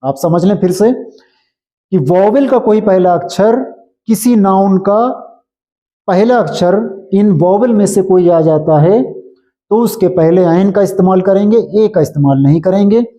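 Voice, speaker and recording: A man teaching English grammar in Hindi, explaining slowly and checking often that his students follow. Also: sits high, warm tone, poor audio. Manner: repetitive, checks understanding often. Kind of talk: slow classroom explanation in Hindi.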